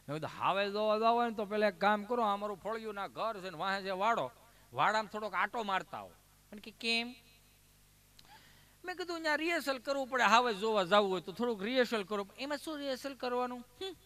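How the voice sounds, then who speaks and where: A man from Amreli district in Gujarat telling comic stage stories in a Kathiawadi Gujarati accent. He talks in a lively way and voices the people in his tales. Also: high voice, fast talker. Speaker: folk comedian storyteller.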